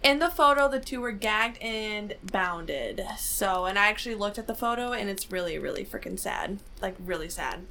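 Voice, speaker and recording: A woman's voice: medium pitch, expressive, moderate pace, hardly any pauses, sharp tone, slight background noise. A young woman co-hosting a podcast, reading out case notes in a conversational, giggly way with "um"s. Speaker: podcast co-host presenting a case.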